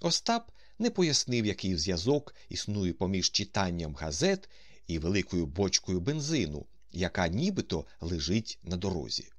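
Very low male narrator, expressive and lively, reading an audiobook. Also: normal speed, dry recording. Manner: expressive storytelling. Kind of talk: scripted narration.

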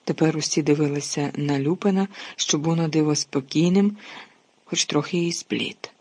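An audiobook narrator who reads with expressive, dramatic delivery. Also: medium pitch, normal speed, slightly rough. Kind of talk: scripted narration.

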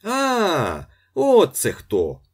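A man voicing a brash young male swindler who shouts and jeers at someone he is chasing. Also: lowish voice, very animated, normal speed, husky, exaggerated voice. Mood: mocking. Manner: loud, jeering shouts.

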